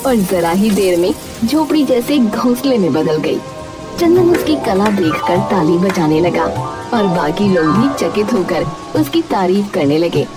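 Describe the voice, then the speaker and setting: A woman's voice: mid-range voice, sing-song, unhurried, over music. A woman reading scripted narration for a moral story.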